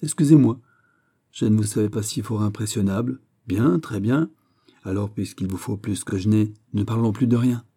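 A haughty, scheming duchess, read by a man in an audiobook, teasing and bargaining with a cool edge. The voice underneath stays very dark and mellow, lifted only a little toward a lady's register. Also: fairly low pitch, moderate pace, husky. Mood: mocking. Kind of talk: audiobook character reading.

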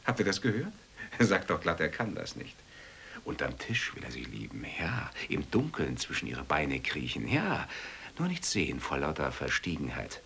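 A male actor playing a mocking, theatrical man who lectures on love, swinging between loud taunts and whispers. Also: low voice, wildly swooping pitch, fairly quick, creaky, a little hiss or hum, exaggerated voice. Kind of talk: stage or radio play acting.

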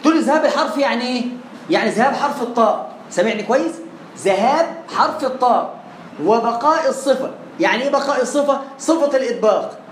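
A man's voice: very high voice, lively intonation, fast talker. A man with an Egyptian accent teaching Quran recitation in class, asking questions and answering them himself, drilling pronunciation. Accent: Egyptian Arabic. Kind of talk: classroom lesson. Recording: echoey room, faint background noise.

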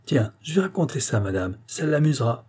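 A man voicing a flattered, excitable chambermaid who gossips eagerly in an audiobook. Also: mid-range voice, fairly quick, breathy edge, voice pushed up. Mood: excited.

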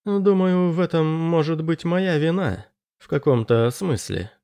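A man's voice: fairly high pitch, measured pace, warm tone, clear, resonant tone, pitched above the performer's own voice. A man voicing an awkward, oddly unbothered male soldier leader in an audiobook, speaking in a hesitant, mildly apologetic way. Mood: sheepish.

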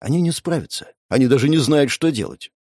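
Male audiobook reader, first-person fantasy, lively swings in pitch, dry close sound. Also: brisk, dry recording. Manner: animated, voices the characters' shouts.

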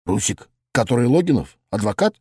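A man voicing a calm, dry-witted male cop friend who mutters low and mocking in an audiobook. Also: fairly quick, slightly rough, dry recording.

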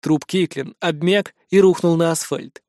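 A man narrates a first-person action novel in a brisk, dramatic reading. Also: on the high side, a little mellow, dry recording, studio quality. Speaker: audiobook narrator.

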